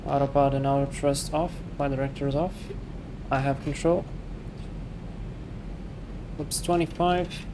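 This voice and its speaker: A man acting as an airline pilot on a headset, making radio calls and working through checklist callouts in a crisp procedural way. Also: mid-range voice, steady tone, unhurried, pauses often, noisy background. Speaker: sim pilot flying online.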